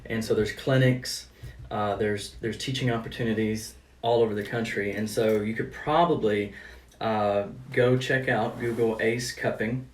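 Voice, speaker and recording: A man working as a therapist, casually explaining a treatment with halting, hesitant phrasing. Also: on the low side, fairly even intonation. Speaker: cupping therapist. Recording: roomy, distant mic, noisy background.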